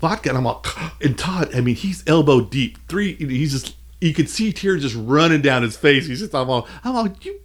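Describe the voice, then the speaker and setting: A man telling lively stories in a casual chat, acting out his own reactions as he goes. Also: a little high, moderate pace, hardly any pauses. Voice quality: animated, expressive delivery. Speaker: podcast guest.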